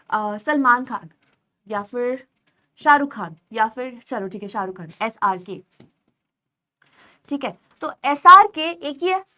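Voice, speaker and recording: A woman's voice: on the high side, pushed and bright. A young woman teaching a recorded grammar lesson alone in a room, chatty, mixing Hindi and English and often asking her learners questions. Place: room with no one else present.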